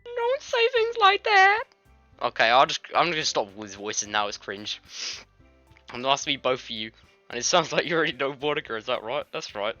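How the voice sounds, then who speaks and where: A British gaming video host reads a game aloud jokingly, tripping over words and throwing in crude asides, with game music playing behind him. His mid-range voice is a little fast, pushed and bright, on a muffled recording with no room sound.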